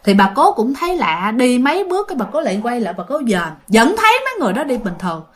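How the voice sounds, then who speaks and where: Talking fast in a slightly high, very animated voice, a Southern Vietnamese woman narrates a ghost story in a relaxed, chatty way. She addresses her audience directly throughout.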